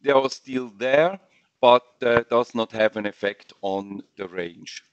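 A man walking viewers through software in a screen-share webinar, speaking halting English with frequent fillers and restarts. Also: medium pitch, dry recording, muffled recording. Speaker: software trainer.

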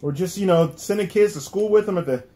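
Higher-voiced American man chatting casually. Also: fast, mellow. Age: middle-aged. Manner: repeats phrases as he goes. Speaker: food review host. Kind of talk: casual chat. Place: small room indoors, at a table. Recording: clear background noise and clicks.

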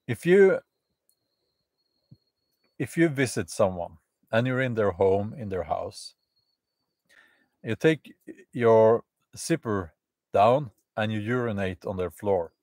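Slow, halting man live from the woods. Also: lowish voice, expressive, a little mellow, dry recording. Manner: halting, many fillers and restarts. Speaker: channel host. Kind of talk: live stream chat to viewers. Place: outdoors in the woods at a campfire.

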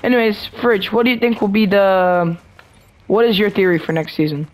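Excitable woman hosting casual gaming chat. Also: medium pitch, normal speed, low-quality recording. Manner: excitable, chatty, slangy. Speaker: gaming channel host.

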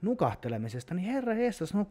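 Animated swearing male podcast host. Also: high voice. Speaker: podcast host, bodybuilding coach. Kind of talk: casual podcast chat.

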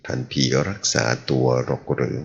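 A man reading a translated martial-arts novel aloud as the serial's narrator, telling it in an animated way. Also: moderate pace. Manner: animated storytelling. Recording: dull lo-fi audio.

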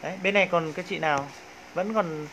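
A man's voice: on the high side, fairly quick, fairly bright tone, slight background noise, rough recording. A man with a Northern Vietnamese accent selling clothes on a livestream in a coaxing, hyping salesman's patter. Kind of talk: live sales pitch.

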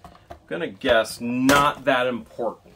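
A man in his thirties chats and jokes as he unpacks storage totes, his voice at an average pitch. The recording is rough and noisy, with clicks from handling. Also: fairly even intonation, takes it slowly. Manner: chatty, joking while digging through boxes. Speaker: storage unit buyer and host. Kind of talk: casual unboxing commentary. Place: outdoors by an open storage unit.

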